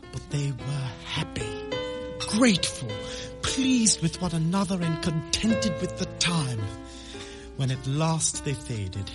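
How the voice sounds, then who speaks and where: An actor playing a grave, expressive storybook narrator, theatrical and deliberate, in an old radio drama style. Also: male voice, medium pitch. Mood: earnest.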